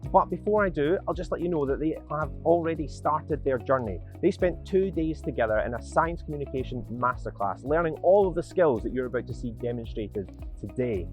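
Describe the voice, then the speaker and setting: A man's voice: a little high, lively intonation, brisk, few pauses, faint music behind. A Scottish man from Glasgow hosting an international science communication competition, with an upbeat, welcoming, scripted delivery. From Scotland. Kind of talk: scripted presenting to camera.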